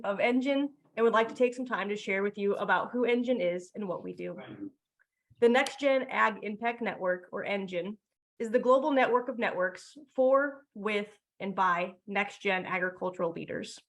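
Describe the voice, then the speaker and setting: A woman who works as a program manager, reading a prepared welcome address steadily. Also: medium pitch. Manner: reads steadily from a prepared text.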